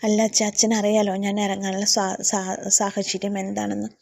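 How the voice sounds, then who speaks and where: A woman voicing a tearful young woman who pleads softly with her father in a retold serial story. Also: mid-range voice, level tone, moderate pace, gravelly, no echo. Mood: pleading.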